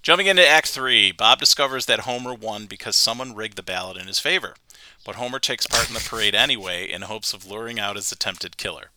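A man's voice: fairly low pitch, animated, a little fast, bright, forceful tone, slight background noise. A man hosting a casual podcast chat, summarizing a cartoon episode at length and laughing often. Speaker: podcast host.

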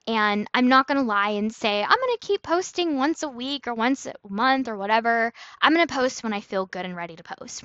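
A woman's voice: on the high side, fairly bright tone, dry recording, highs cut off. A woman hosting her own podcast, talking casually in a rambling, chatty way and laughing often. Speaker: podcast host. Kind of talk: casual solo podcast monologue.

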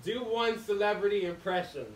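A man's voice: sits high, normal speed. A man hosting a podcast, running a casual interview and outro in an upbeat, loose way. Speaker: podcast host. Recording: echoey room, distant mic.

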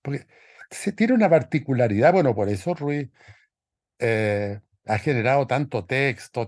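A man's voice: medium pitch, a little mellow, breathy edge, no room sound. Male podcast co-host, mid-range voice, dry close sound, rambling and reflective delivery. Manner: thoughtful, rambling, many restarts. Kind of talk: casual film discussion.

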